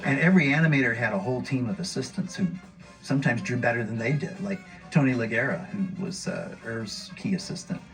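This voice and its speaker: A man's voice: mid-range voice, expressive, fairly quick, fairly bright tone. Enthusiastic man explaining animation history. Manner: enthusiastic, detailed. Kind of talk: documentary interview. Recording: distant mic with faint music.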